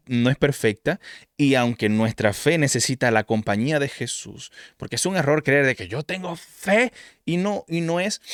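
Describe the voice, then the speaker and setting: A male preacher delivers a sermon, his voice swinging widely up and down as he tells the story. He often stops and restarts, tagging lines with "¿no?" and chuckling. His voice sits a bit high and sounds dry and close. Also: no room sound. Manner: halting, with frequent restarts and rhetorical "¿no?".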